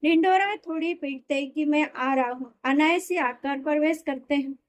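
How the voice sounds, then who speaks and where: A woman reading a spiritual discourse aloud in a steady, explanatory way, sometimes correcting herself mid-word. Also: high-pitched, moderate pace. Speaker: reader of a daily spiritual discourse.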